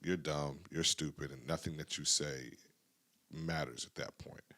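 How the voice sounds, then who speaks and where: Male podcast host with a very low voice, earnest and emphatic. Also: fairly even intonation, measured pace, bright, forceful tone. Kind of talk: casual podcast conversation.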